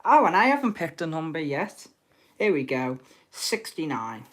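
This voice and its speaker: A woman's voice: low voice, very animated, normal speed, a bit bright, slight background noise. A British woman hosting an online game in casual chat, with cheeky, informal banter as she calls out players and numbers. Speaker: host of an online bingo game.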